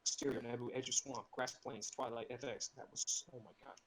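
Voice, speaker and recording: Brisk and steady at a medium pitch, this man narrates a script's stage directions during a jokey group table read mixed with casual online chat. His slightly distorted laptop mic on the voice chat picks up the playful, mocking asides he keeps slipping in.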